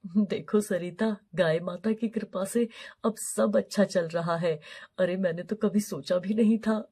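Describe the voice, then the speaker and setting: A woman's voice: mid-range voice, fairly even intonation, a little slow, warm tone, breathy edge. A woman voicing a grateful poor milkman speaking to his wife in a cartoon story. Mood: relieved.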